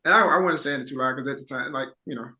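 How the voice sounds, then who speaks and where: A man hosting a casual podcast chat with a bright, forward tone. He rambles through his stories, stumbling over and repeating words, and laughs easily. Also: mid-range voice, very fast. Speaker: podcast host.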